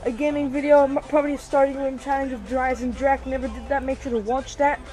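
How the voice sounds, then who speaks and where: Hyper casual vlogger woman, kinda high voice, cusses a lot, repeats stuff, music going in the background. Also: quick pace, low-quality recording. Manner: excitable, profane, repeats phrases. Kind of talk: casual handheld vlog. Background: music playing.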